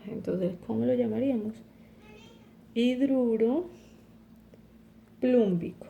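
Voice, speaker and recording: A woman's voice: a little high, slow pace, gravelly, phone-quality sound, a little hiss or hum. A woman teaching a chemistry lesson, explaining step by step and often checking with "¿cierto?". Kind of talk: recorded online lesson.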